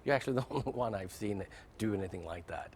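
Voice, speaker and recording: Male host, lowish voice, enthusiastic, anecdotal, light background hum. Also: quick pace. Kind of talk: casual interview chat.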